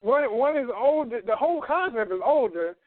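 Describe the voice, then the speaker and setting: High-voiced emphatic man on a phone line. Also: expressive, normal speed, no echo. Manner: emphatic, keeps asking "you know what I'm saying". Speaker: guest on a radio talk show. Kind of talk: casual panel discussion. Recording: tinny phone line, dry.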